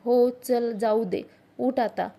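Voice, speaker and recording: A practical young woman speaks briskly in a storybook scene, as a narrator voices her. Her voice is dark and gravelly, somewhat high. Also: fairly even intonation.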